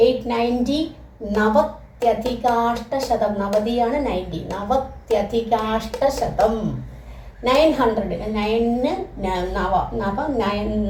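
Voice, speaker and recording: A woman whose first language is Malayalam, teaching a lesson and stretching out each term slowly between explanations. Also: on the high side, darkish tone, a little hiss or hum. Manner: switches between quick explanation and slow, drawn-out recitation. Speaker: Sanskrit teacher. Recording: echoey room, voice somewhat far from mic.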